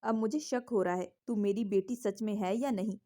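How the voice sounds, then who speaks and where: A woman's voice: medium pitch, moderate pace, dark tone, close to an everyday voice. A woman voicing a bossy, scheming middle-aged mother who scolds her daughter. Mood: scolding.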